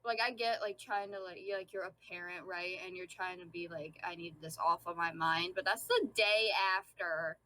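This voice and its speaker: A young woman talks in a bright, chatty way, stuffing "like" into her sentences and giggling often. Her voice sounds faint and cuts out now and then, since she is on a weaker microphone. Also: fairly low pitch, moderate pace, hardly any pauses, a little hiss or hum, rough recording. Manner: fillers of like, giggly, animated. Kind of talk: casual chat. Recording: faint, cutting out from a weaker mic.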